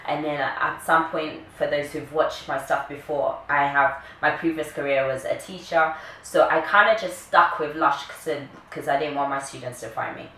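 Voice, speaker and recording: With a low, sharp voice, she keeps a steady tone and moderate pace with few pauses. A vlogger in her early thirties from Kenya, later the UK, she talks to camera in a casual, playful style. Faint noise and echo from a distant mic in the room are audible.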